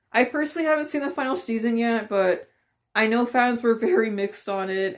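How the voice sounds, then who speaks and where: A woman vlogger giving a casual, rambling opinion rant, frustrated and full of fillers. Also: mid-range voice.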